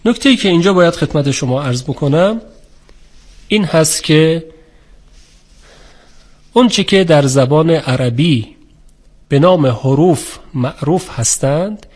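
A man teaching a formal, measured lecture on the articulation of letters for Quran recitation. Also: on the high side, animated, a little mellow. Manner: measured, formal, with polite set phrases. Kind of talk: explanatory lecture on pronunciation.

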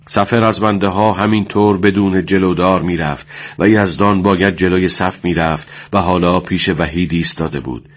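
A man reading a war story aloud in a solemn, measured way. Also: deep voice, fairly even intonation. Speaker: narrator.

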